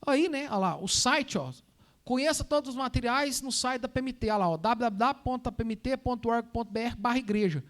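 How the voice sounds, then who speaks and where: A man's voice: extremely high pitch, fairly quick, a bit bright. Chatty missionary man with a Minas accent. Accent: Minas Gerais Brazilian Portuguese. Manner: conversational, addresses listeners as brothers and sisters. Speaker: missionary presenting to a church. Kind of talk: Sunday school talk with slides.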